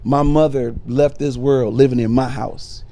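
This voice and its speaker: A man's voice: medium pitch, fairly even intonation, a little slow, mellow. A middle-aged man, a minister born in Chicago and raised in Detroit, telling his life story in a casual podcast interview with frequent fillers. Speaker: bishop and minister.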